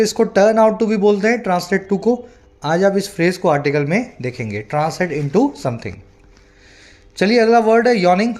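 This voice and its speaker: High-pitched male English tutor explaining words. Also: darkish tone. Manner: explains slowly, reads English example sentences in a drawn-out way; asks the viewer often whether they follow. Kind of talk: vocabulary lesson in Hindi mixed with English.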